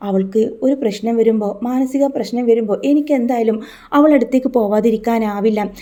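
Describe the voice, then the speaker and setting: A woman's voice: on the high side, fairly quick, mellow, natural voice. A woman voicing a devoted young woman who earnestly reassures the girl she treats as her sister.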